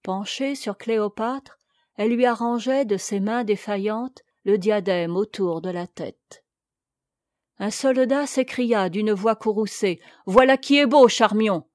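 A woman narrating a historical story in a measured, formal, literary manner. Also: mid-range voice, darkish tone, no echo, studio quality.

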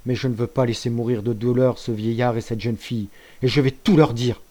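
An anxious, guilt-stricken crony, as a male reader puts him on, fretful and torn, in a storybook reading. His voice is mellow and dark underneath. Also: medium pitch, steady tone, brisk, natural voice. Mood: guilty.

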